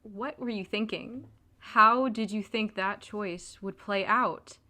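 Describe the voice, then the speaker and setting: Playing a young woman betrayed by her boyfriend in an audio drama, this actress speaks slowly in a mid-range voice that stays bright and forceful, with a biting, sarcastic edge. She curses freely, sounding wounded and enraged, and the overall mood is bitter.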